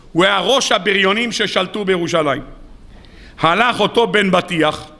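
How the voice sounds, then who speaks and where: A man, a rabbi, delivering a sermon and telling the story with lively rhetorical questions. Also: high-pitched.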